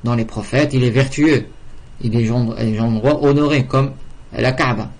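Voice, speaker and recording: A man's voice: medium pitch, steady tone, normal speed, darkish tone. A man teaching a language and religion class, patiently repeating words to drill their pronunciation. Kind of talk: slow classroom lesson with repetition.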